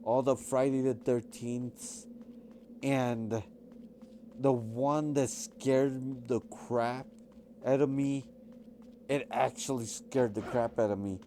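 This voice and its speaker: A man's voice: medium pitch, steady tone, takes it slowly, mellow, a little hiss or hum. A man casually telling rambling personal stories while commenting over gameplay, with lots of fillers and restarts. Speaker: gaming channel host.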